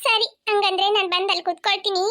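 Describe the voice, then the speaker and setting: A performer voicing a doting old grandmother in a cartoon, coaxing her grandson gently. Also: very high-pitched, little pitch movement, fast talker. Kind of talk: cartoon voice acting. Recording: music playing behind.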